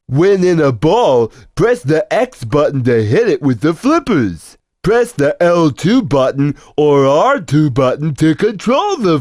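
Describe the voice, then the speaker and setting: A big, gentle cartoon cat for a video game. The voice sits fairly high for a male and bounces widely in pitch. It moves slowly, with a simple, earnest, slow-witted and good-natured manner, recorded very dry. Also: dry recording. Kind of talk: video game character voice lines.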